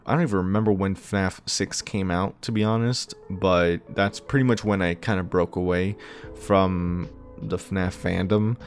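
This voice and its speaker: Low-voiced man talking casually over music. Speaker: gaming YouTuber. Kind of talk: casual reflective thank-you talk to viewers. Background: background music.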